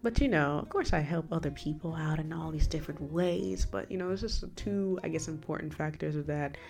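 A woman's voice: low voice, a little fast, creaky, darkish tone. A woman hosting a faith podcast in a casual monologue, chatty and rambling with asides to the listener, with a slight lisp from a new retainer. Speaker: podcast host.

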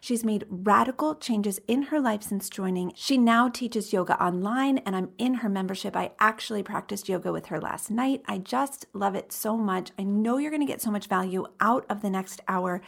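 A woman's voice: mid-range voice, normal speed, creaky, few pauses. A woman hosting a podcast as an encouraging, upbeat life coach, chatting directly to her listeners.

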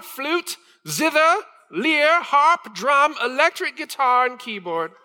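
A man voicing a loud, pompous male royal herald making a booming proclamation, heard with the long reverb of a church hall. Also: full character voice.

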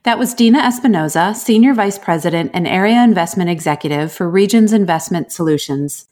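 A woman hosting a podcast, reading scripted material in a formal, measured, structured way. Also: on the low side, a little mellow. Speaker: podcast host. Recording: music playing behind the voice. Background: music.

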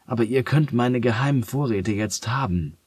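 A man voicing a greedy, sly farm cat in a storybook, speaking softly and pleadingly. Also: mid-range voice, moderate pace, breathy edge, dry recording, voice pushed up, natural voice. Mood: contrite. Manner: soft, pleading.

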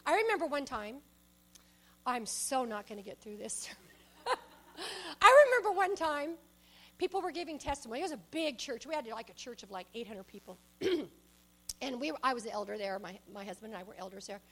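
A middle-aged woman delivers a sermon in a high, bright voice. She tells stories with animated energy, jumping from loud exclamations to quiet asides. She laughs often as she preaches. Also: normal speed.

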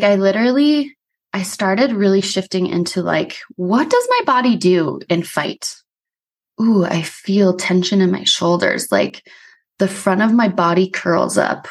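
A woman's voice: medium pitch, vocal fry, husky. Woman podcast host and bodywork practitioner; earnest, casual, reflective solo talk, filler-heavy. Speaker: somato-emotional release practitioner. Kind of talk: reflective personal monologue.

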